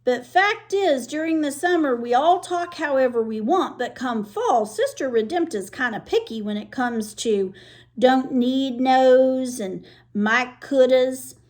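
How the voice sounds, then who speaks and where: A woman's voice: high-pitched, animated, a little slow, darkish tone, voice pushed up. A woman reading aloud, voicing a blunt, impatient young girl who corrects people in a scolding, matter-of-fact way. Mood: bossy.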